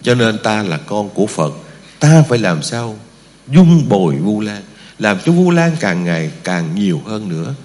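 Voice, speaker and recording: A man's voice: lowish voice, sing-song, a little slow, darkish tone, in a large hall. A man preaching a Buddhist sermon to his congregation, speaking emphatically and often asking his listeners rhetorical questions.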